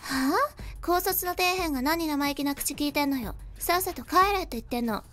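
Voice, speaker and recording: Woman putting on a spoiled bride, very high shrill voice, contemptuous, whiny, storybook drama. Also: expressive, moderate pace, soft background music. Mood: sneering. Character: spoiled, sneering young bride.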